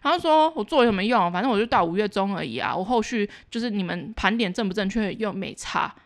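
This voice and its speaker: A woman's voice: medium pitch, expressive. A woman with a Taiwanese Mandarin accent, co-hosting a casual podcast and retelling a workplace story in an exasperated rant. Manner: fast, exasperated ranting retelling. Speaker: podcast co-host.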